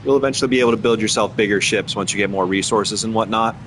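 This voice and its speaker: A man hosting a game livestream, explaining his server rules in a relaxed, chatty way. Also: on the low side, quick pace, noisy background. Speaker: game streamer and server host. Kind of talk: casual livestream commentary.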